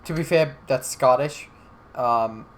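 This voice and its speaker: A man's voice: mid-range voice, slow pace, a little hiss or hum. A young man from Alabama co-hosting a casual podcast, joking around, swearing freely and rambling. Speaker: podcast co-host. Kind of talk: casual chat.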